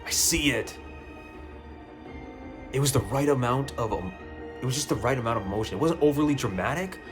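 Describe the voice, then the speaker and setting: Male gaming YouTuber, casual and excitable, swears a lot, repeats himself, faint music underneath. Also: medium pitch, quick pace. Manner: excitable, swears freely, stumbles and repeats words. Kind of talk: casual game review monologue.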